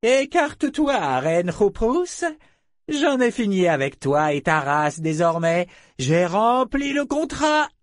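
A man's voice: sits high, very animated, dry recording, studio quality, voice pushed up, full character voice. A man voicing a haughty female dragon. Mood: haughty disdain. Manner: slow, imperious, contemptuous.

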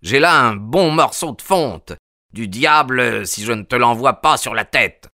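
Gruff old animal keeper, as a man puts him on. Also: mid-range voice, lively intonation, unhurried, no room sound, clean studio sound. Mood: angry. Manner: shouting threats, then gruffly friendly.

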